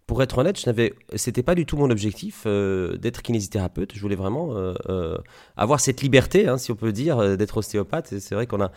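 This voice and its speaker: Deep-voiced hesitant man from Belgium. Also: expressive, a little fast, a little mellow. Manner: hesitant, many fillers and restarts. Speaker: osteopath, podcast guest. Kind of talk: conversational interview.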